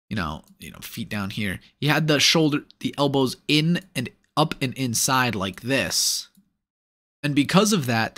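A man talks through sports footage in a relaxed, conversational voice-over, his pitch sitting right in the middle of the usual range for a man. He explains each move analytically but stays upbeat, tossing in playful asides as he goes. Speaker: sumo commentator. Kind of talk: casual play-by-play video breakdown.

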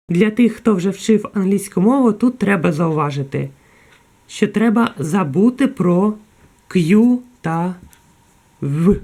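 A woman leads a beginner language lesson at an unhurried pace, her pitch moving up and down with each example. Her voice is soft and mellow, and she pronounces each letter carefully so learners can repeat after her. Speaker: German language teacher.

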